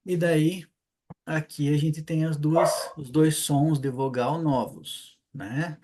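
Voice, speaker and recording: A man's voice: fairly high pitch, takes it slowly, noisy background. Chatty Brazilian man teaching a class. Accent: Brazilian Portuguese, southern (Paraná). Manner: chatty, informal, rhetorical questions and frequent "né?". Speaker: Hebrew teacher. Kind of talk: casual online class lecture.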